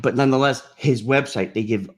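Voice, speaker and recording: A man's voice: mid-range voice, a little fast. A man hosting a comedy podcast, talking in a rambling, opinionated way, swearing freely as he goes. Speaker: podcast host. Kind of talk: casual chat.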